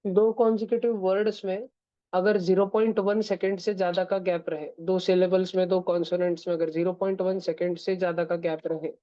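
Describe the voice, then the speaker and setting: A woman's voice: on the low side, flat delivery, brisk, dark tone, no echo. Woman teaching physics, dull dry sound, keeps asking if you get it. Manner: chatty, keeps checking students follow. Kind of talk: classroom lecture.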